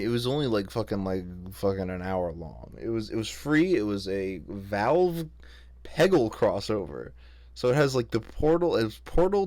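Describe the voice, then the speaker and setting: Excitable, profane young man recapping games. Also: lowish voice. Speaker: gaming video creator. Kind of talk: unscripted casual game recap.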